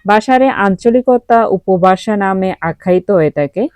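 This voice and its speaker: A woman's voice: mid-range voice, expressive, normal speed, darkish tone, smooth, dry recording. A woman from Comilla, Bangladesh, teaching a grammar lesson. She often asks a question and then answers it herself, with many fillers along the way.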